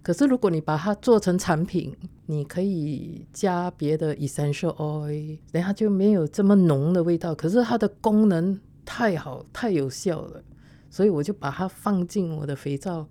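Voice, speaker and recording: A woman's voice: fairly low pitch, normal speed, mellow. A woman chatting casually as an interview guest, colloquial and plain-spoken, mixing in English. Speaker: interview guest, handmade soap social entrepreneur.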